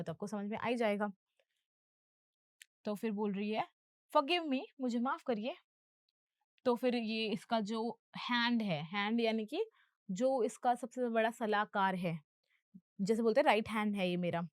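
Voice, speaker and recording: A woman's voice: on the high side, dry recording, studio quality. A woman English teacher explaining film dialogue in a lesson, patient and going through each term step by step.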